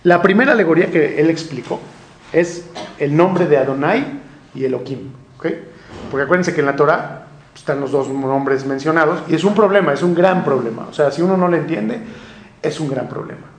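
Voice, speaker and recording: A man with a somewhat high voice lectures to a class, working through each point and asking questions back to keep the students with him. The recording carries the echo of a roomy classroom. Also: normal speed. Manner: explanatory, checks in often with rhetorical questions. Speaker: teacher.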